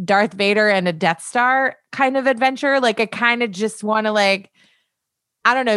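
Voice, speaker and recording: Woman podcast host, kinda high voice, playful, laughs a lot, dry sound. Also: a bit bright, dry recording. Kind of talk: casual podcast chat.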